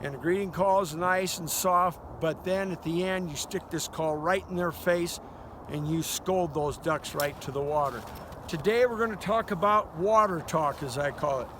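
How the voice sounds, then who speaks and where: High-pitched older man outdoors. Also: normal speed. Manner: folksy, conversational. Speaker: duck calling instructor. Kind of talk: casual outdoor hunting lesson. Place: outdoors by a river. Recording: noisy outdoor recording with ambience. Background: outdoor noise, duck call quacks.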